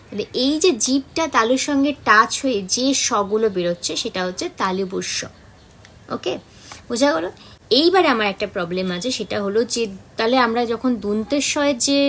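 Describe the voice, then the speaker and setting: A woman's voice: a little high, pushed and bright, slight background noise. A woman, an acting coach giving a pronunciation lesson and repeating example words to show each sound.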